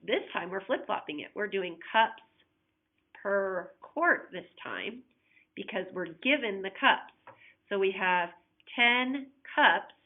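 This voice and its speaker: A woman math teacher patiently walking students through unit conversions step by step, with a recurring cough. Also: mid-range voice. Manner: patient, talks through each step, asks students to check along. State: coughing repeatedly. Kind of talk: recorded flipped-classroom math lesson. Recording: tinny, phone-like audio.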